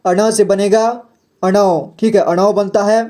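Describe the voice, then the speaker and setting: Here the teacher speaks at a medium pitch, mellow and measured, with fairly even intonation. Learners are walked patiently through syllables and words, sound by sound, as the teacher asks and answers their own questions and keeps checking in with "theek hai."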